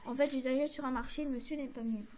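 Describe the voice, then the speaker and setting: High-voiced French woman chatting about crafts. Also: fairly even intonation, racing, a little mellow, slight background noise. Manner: chatty, hesitant, many fillers and apologies. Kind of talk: casual show-and-tell to camera.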